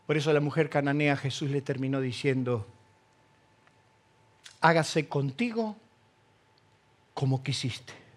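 A man with an Argentine accent preaching a sermon as pastor, swinging between loud passion and hushed quiet. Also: medium pitch, unhurried, pauses often. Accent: Argentine Spanish.

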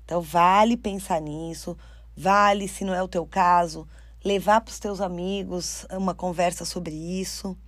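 A woman with a Brazilian accent mentors her audience in a lively, conversational way, turning often to her listeners and slipping into quoted voices. Her voice sits at a mid pitch. The recording is dry and close, with no room sound. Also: measured pace, dry recording. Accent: Brazilian Portuguese. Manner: animated, addresses listeners directly, acts out quoted speech. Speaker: career mentor for artists. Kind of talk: informal advice talk to an audience.

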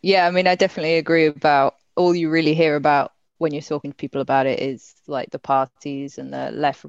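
A woman's voice: low voice, level tone, fairly quick, clear, resonant tone, no echo, dull audio. A young woman, answering questions in casual conversation. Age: young adult. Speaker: interviewee.

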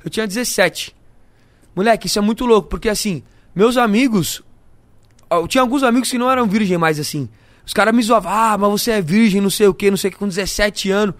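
A man's voice: sits high, fast, no echo. A young Brazilian man telling candid stories as a guest in a casual podcast chat, full of slang and laughter. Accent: Brazilian Portuguese. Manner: candid, laughing storyteller who fills his talk with slang.

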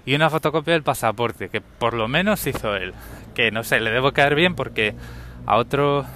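A young man from Spain with a Spanish accent, hosting a podcast and telling a casual anecdote, lively and acting out the people in his story. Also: medium pitch, moderate pace, slight background noise. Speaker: podcast host.

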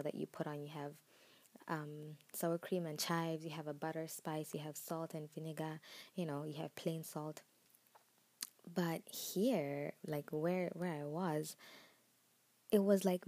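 A woman from Botswana in southern Africa hosts a solo podcast, chatting informally and telling things in a casual, conversational way. Her voice is low and warm, with a roomy echo and faint music in the recording.

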